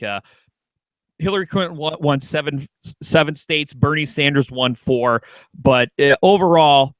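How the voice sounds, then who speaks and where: Joking radio host, dry sound. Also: male voice, medium pitch, fairly bright tone, dry recording, rough recording. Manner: joking, lots of restarts and stammers. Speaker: radio talk show host. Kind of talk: casual chat.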